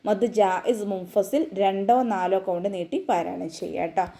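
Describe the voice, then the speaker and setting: A woman's voice: medium pitch, normal speed, vocal fry, mellow. A woman teaching an online recitation class, explaining pronunciation rules step by step in a patient voice.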